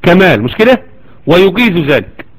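A man's voice: sits high, sing-song, moderate pace, low-quality recording. A man with an Egyptian Arabic accent giving a religious lecture, arguing his point and firing rhetorical questions at his listeners. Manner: argumentative, full of rhetorical questions to the audience. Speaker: Islamic lecturer.

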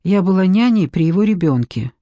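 A woman's voice: lowish voice, lively intonation, a little fast, warm tone, no echo, lo-fi sound, close to an everyday voice. A woman reading an audiobook, voicing a defiant young former nanny who speaks with scorn. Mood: confiding.

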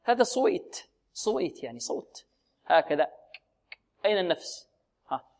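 A man teaching Quran recitation, asking students questions and repeating each word slowly for them to copy. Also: sits high, very animated. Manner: drills pronunciation, repeats words slowly, asks students questions. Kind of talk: tajweed lesson with recited examples.

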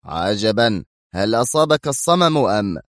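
A man's voice: lowish voice, big pitch swings, moderate pace, a bit bright, no echo, clean studio sound. A man voicing an irritable, spiteful male general in a storybook reading. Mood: irritable, resentful. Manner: nervous, resentful.

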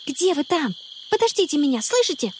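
A woman's voice: high-pitched, big pitch swings, fairly quick, darkish tone, slight background noise, voice pushed up. Brief: woman playing a nervous little girl, raised voice, fretful and grumbling. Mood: timid. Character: timid, grumbling young girl.

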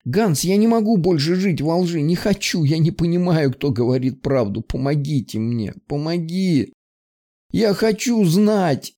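A man voicing a distraught young sorceress in an audiobook, pleading in a high, strained voice. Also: animated, moderate pace, hardly any pauses, dark tone, no room sound, clean studio sound.

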